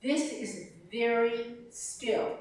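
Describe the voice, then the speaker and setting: Woman vocal coach, unhurried, demonstrative, recorded from across a very reverberant room. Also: a little high. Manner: animated, demonstrates sounds and sung lines. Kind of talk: master class teaching. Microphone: distant room mic. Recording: very echoey room from far off.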